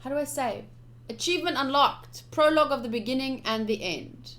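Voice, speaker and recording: Reading a visual novel's text out loud during a live let's-play, this woman reacts chattily and expressively. She speaks fairly quickly in a high voice.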